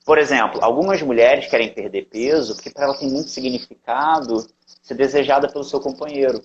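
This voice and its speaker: Animated Brazilian man explaining. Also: medium pitch, brisk, highs cut off, slight background noise. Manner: animated, acts out inner voices. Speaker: interview guest, NLP coach. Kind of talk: explanatory casual talk.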